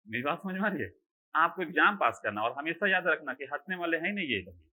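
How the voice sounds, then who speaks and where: Male teacher, online class, bright sharp voice a bit high, keeps asking "you get me?" then answers himself. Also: lively intonation, fast, low-quality recording. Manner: explains by asking questions and answering them himself; keeps checking that students understand. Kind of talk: online exam-prep lecture.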